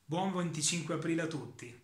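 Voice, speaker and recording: A man reading a short literary story aloud in a calm, measured way, with slow pauses. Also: a little high, roomy sound. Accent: Italian.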